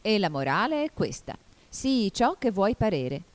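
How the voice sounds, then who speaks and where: A woman's voice: mid-range voice, sing-song, a little slow, pitched above the performer's own voice. A woman voicing a fussy duchess who moralizes in a sing-song way. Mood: moralizing.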